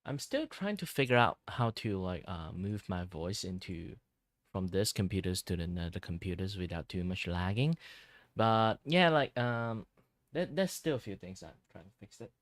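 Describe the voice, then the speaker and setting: Guy streamer just chatting, lowish voice, dry close sound, rambles and stops and starts, pokes fun at himself. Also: animated, no room sound. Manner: rambling, halting, self-deprecating. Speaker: livestreamer host, virtual video streamer. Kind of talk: casual livestream chat.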